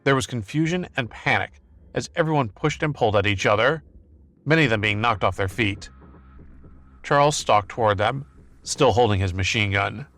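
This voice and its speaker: A man narrating an action novel as an audiobook in a steady, even storytelling voice. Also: fairly low pitch, normal speed, faint music behind.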